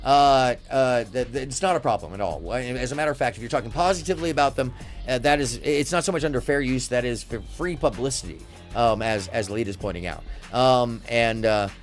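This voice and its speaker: A middle-aged American man with a medium-pitched voice hosts a casual live stream, chatting in a halting, rambling manner that keeps circling back. Faint music plays in the background.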